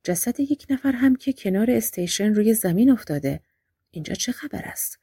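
A woman voicing an older grey-haired policeman who reports calmly and asks what happened. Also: sits high, husky, dry recording, studio quality, exaggerated voice. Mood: matter-of-fact. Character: older grey-haired male policeman, calm and matter-of-fact.

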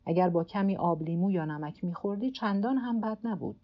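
A woman performs a tired old male fisherman in an audiobook, the character alone at sea and grumbling stubbornly to himself and his cramped hand. Her medium-pitched, natural-sounding voice is pitched above her own, and the sound is lo-fi.

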